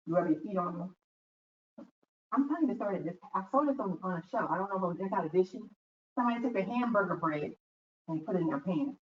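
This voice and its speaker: A woman's voice: fairly low pitch, quick pace, slight background noise. A woman giving a talk to students, telling stories and acting out quotes as she goes. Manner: animated storytelling with acted-out quotes. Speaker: guest speaker. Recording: echoey room, distant mic, dull sound.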